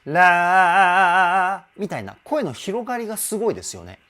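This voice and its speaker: Lively, animated male vocal coach. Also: high-pitched, normal speed. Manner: enthusiastic, explains with sung demonstrations. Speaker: vocal trainer. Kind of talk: vocal analysis commentary.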